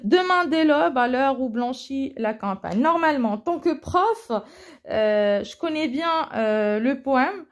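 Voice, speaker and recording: Slow, hesitant woman teaching French. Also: high voice, expressive. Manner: slow, hesitant, many fillers and self-corrections. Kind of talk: exam correction lesson. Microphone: phone. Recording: phone recording, voice slightly off-mic at times.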